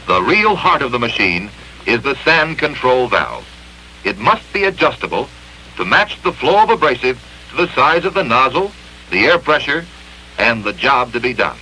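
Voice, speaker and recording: An old film soundtrack carries a man narrating a 1960s industrial training film, emphatic and clearly enunciated in an instructional way. His mid-range voice is pushed and bright, and the poor audio has slight background noise.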